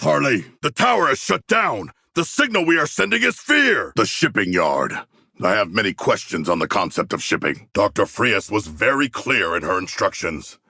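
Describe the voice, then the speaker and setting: Huge shark warrior for a video game, super gravelly n deep-ish, swoops up and down, earnest n literal, stiff formal wording. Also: male voice, sharp tone, no echo, clean studio sound, full character voice. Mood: fierce, booming, then formal, deadpan. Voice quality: gravelly, husky. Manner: formal, stilted, grandiose, literal diction. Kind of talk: video game character voice lines.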